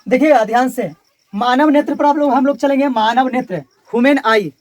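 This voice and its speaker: A man with a Bihari Hindi accent teaches a physics class. He says each term, asks what it is called, and repeats it in a steady call-and-response drill. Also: very high-pitched, brisk.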